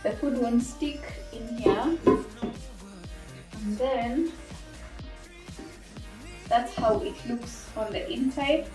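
A woman's voice: fairly high pitch, drawn-out words, long pauses. A young woman from Tanzania casually reviewing a kitchen appliance at home, chatting and thinking aloud as she shows each part. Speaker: cooking vlogger. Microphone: camera mic from a few feet away. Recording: roomy kitchen sound, mic at a distance. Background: background music.

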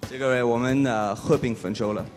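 A young male contestant talks into a handheld mic on a studio stage. He is a non-native speaker with a foreign accent in Mandarin, searching for words in a medium-pitched voice over music. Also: steady tone, fairly quick, darkish tone, in a large hall. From Switzerland. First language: not Chinese. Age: young adult. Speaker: dating show contestant.

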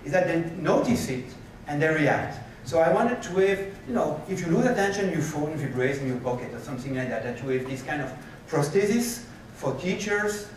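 Guy giving a keynote, lively and moving around, bit high voice, echoey hall from far off. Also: brisk, few pauses, slight background noise. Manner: animated, gestures while pacing the stage. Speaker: keynote speaker. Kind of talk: conference talk and Q&A answers. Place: lecture hall with projector screens. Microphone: far room camera.

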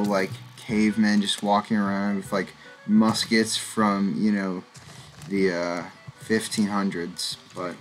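A young man giving casual, rambling gameplay commentary, full of fillers and sudden excited outbursts. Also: on the low side. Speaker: gaming channel host. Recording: faint music behind.

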